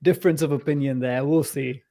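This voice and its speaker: A man's voice: mid-range voice, fairly even intonation, a little fast, creaky, warm tone. A man co-hosting a casual podcast, enthusiastic and laughing easily. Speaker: podcast co-host. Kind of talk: casual chat.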